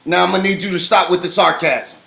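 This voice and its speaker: Heated male guest, bright tense tone, profane and insistent. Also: high voice, steady tone, fast talker, vocal fry. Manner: profane, insistent, talks over the host. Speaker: interview guest. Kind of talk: heated argument. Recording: roomy studio echo.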